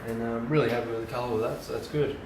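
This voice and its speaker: Very fast and gravelly, with fairly even intonation at a medium pitch, the home brewer rambles through an unscripted how-to heavy on fillers and restarts. The distant camera recording sounds roomy, with noticeable background hiss.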